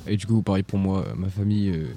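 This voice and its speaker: A teenage boy answering interview questions, his speech soft and trailing off. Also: low-pitched, fairly even intonation, fast, slight background noise. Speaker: young guest.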